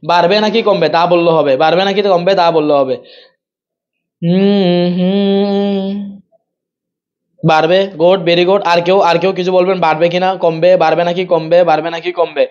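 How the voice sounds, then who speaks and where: A man's voice: fairly high pitch, steady tone, a little mellow, dull audio. A man teaching an accounting class live online, firing off questions and repeating himself. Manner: rapid-fire, repeats himself and quizzes students.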